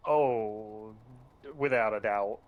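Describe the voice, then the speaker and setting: A man's voice: on the low side, drawn-out words, phone-quality sound. Hesitant man at a game table. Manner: hesitant, many fillers. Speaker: player. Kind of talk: casual tabletop game chat.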